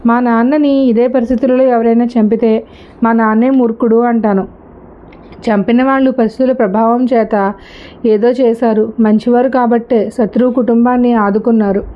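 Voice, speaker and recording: A woman's voice: on the high side, fairly even intonation, normal speed, natural voice. A woman voicing a practical, dismissive young husband who talks down in an argument, in a slightly dull lo-fi recording. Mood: arguing.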